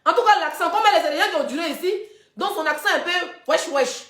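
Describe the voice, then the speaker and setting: A woman, hosting a casual live stream and telling gossip straight to her viewers in a chatty, animated way. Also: extremely high pitch, very fast, roomy sound, noisy background. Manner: chatty, animated storytelling, addressing viewers directly.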